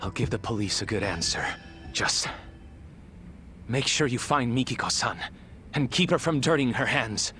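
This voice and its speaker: A man with a medium-pitched, lively voice speaks at a moderate pace, sounding pushed and bright over faint background music. He's an actor dubbing a dramatic game cutscene as a polite, studious male assistant to an investigator, phrasing everything formally and precisely. His mood comes across as polite and earnest.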